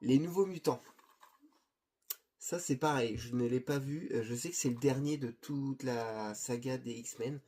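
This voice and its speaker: A man's voice: mid-range voice, a little slow, warm tone, slight background noise. A middle-aged man presenting his film collection in a casual chat, hesitant and full of fillers and restarts. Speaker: video host presenting his Blu-ray collection.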